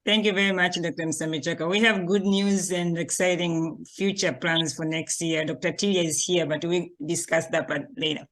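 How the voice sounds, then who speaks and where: A woman's voice: lowish voice, fairly even intonation, normal speed, hardly any pauses. A woman hosting an online meeting, introducing each participant in turn with frequent hesitations. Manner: warm, informal introductions with hesitations. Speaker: meeting host. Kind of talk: video call introductions. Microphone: video call.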